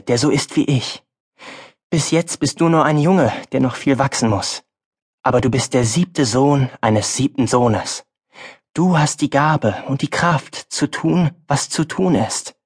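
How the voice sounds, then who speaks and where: A man's voice: mid-range voice, a little slow, husky. A male audiobook narrator voicing a farm boy's stern, wise mother, speaking firmly and earnestly. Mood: tender. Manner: firm, earnest, then softer.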